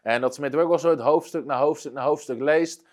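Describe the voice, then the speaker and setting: A man with a somewhat high voice preaches in an earnest storytelling manner. He often pauses and restarts his sentences as he works through a tale. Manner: earnest storytelling with frequent hesitations. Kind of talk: storytelling sermon.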